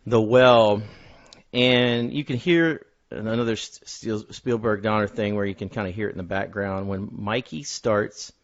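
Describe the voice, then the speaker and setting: A man's voice: fairly low pitch, fairly even intonation, unhurried. Dull-sounding male podcast host. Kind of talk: casual film discussion with a co-host.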